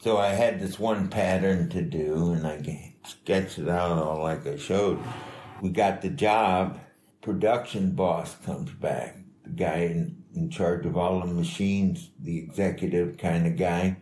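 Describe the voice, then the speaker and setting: An older man telling life stories in a casual, rambling, halting way, as an interviewee. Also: low voice, a little mellow. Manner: rambling, halting, chuckling delivery. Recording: echoey room with faint noise.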